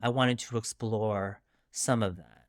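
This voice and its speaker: A middle-aged man from Long Island, New York, appears as a guest author in an interview, speaking candidly and reflectively with frequent asides. His lowish voice is steady and unhurried, recorded at studio quality with no room sound.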